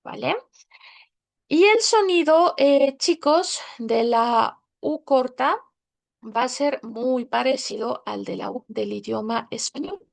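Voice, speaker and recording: A woman's voice: high-pitched, takes it slowly, creaky. A woman teaching a language class online, patiently repeating words and checking that students follow.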